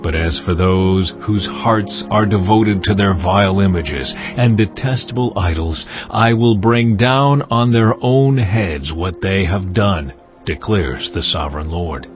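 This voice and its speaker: An actor playing a solemn, commanding God who pronounces judgment gravely and deliberately in a dramatized audio Bible. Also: male voice, low voice. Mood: stern. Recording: muffled sound with music behind. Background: cinematic music.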